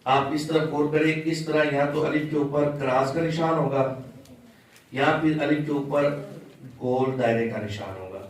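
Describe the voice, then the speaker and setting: A man teaching Quran recitation in a patient, step-by-step way, chanting example words slowly. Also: a little high, very echoey, far from the mic, rough recording. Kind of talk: slow religious lesson with chanted examples.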